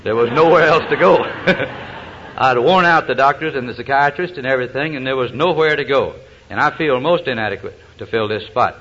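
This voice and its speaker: A man stands on a platform at a recovery meeting, giving a personal testimony sprinkled with jokes in a folksy storytelling style full of uh's and hesitations. His mid-range voice has a fairly bright tone and moves at normal speed. The lo-fi recording sounds dull and carries a little hiss or hum.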